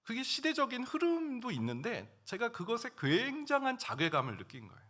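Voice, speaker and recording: A middle-aged male pastor preaching a sermon, telling a personal story and swinging between hushed and loud moments. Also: extremely high pitch, huge pitch swings, brisk. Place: church sanctuary.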